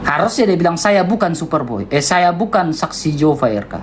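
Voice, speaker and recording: A man with an eastern Indonesian accent delivering a heated livestream rant in a loud, high-toned, insistent way. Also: animated, fairly quick, a little hiss or hum. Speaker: debater on a livestream.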